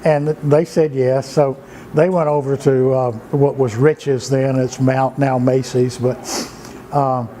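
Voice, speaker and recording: A man, telling family anecdotes in an unhurried, halting way with many pauses and restarts. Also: mid-range voice, level tone, mellow, slight background noise, low-quality recording. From Georgia, USA. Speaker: storyteller and writer. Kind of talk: folksy anecdotal storytelling.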